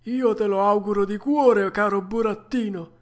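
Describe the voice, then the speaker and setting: A woman's voice: medium pitch, fairly even intonation, voice pushed up, close to an everyday voice. A woman voicing a resigned, philosophical old male tuna with a harsh, cracked voice, reading a storybook aloud. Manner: slow, grave and sententious.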